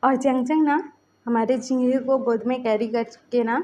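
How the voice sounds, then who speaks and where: A woman narrating a fan story in a relaxed, conversational way, as if telling a friend. Her voice is high but warm and mellow. She wanders with little fillers between the events. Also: normal speed. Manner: chatty, loose fillers. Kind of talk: casual fan-fiction storytelling.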